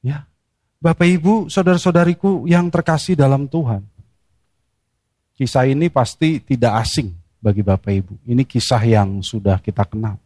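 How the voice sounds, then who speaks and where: Animated male preacher, dry sound. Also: medium pitch, moderate pace, no echo. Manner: animated, with rhetorical questions and sharp emphasis. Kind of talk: sermon.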